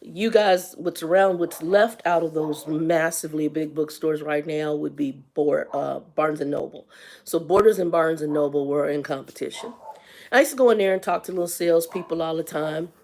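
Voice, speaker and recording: A woman's voice: sits low, steady tone, normal speed, darkish tone, slight background noise. A woman in her fifties telling a personal story on a casual livestream, candid and colloquial, with faith-based asides. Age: 50s. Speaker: livestream host.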